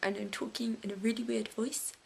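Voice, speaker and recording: Teenage girl, English accent, casual rambling vlog, stop-start sentences, gravelly fry, slight hiss. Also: on the high side, steady tone, brisk, darkish tone, rough recording. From England. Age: late teens. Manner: rambling, restarts sentences often. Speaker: vlogger.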